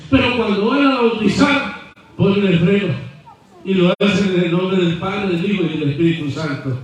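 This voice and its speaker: A man's voice: high voice, normal speed. A man preaching a sermon as pastor, telling stories with humorous asides and building to fervent passages. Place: church sanctuary. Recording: very echoey church from far off.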